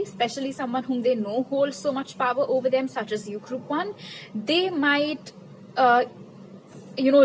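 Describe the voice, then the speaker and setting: Tarot reader, woman, slightly high voice, animated and chatty. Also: a little hiss or hum, rough recording. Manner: chatty, animated, repeats questions to Spirit; laughs at her own jokes. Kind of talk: casual pick-a-card tarot reading.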